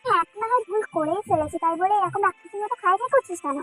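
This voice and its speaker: A woman's voice: very high voice, lively intonation, rapid-fire, a bit bright, faint music behind, low-quality recording. A woman voicing a teasing young man, an elder cousin back from studying abroad, in a dubbed fan drama.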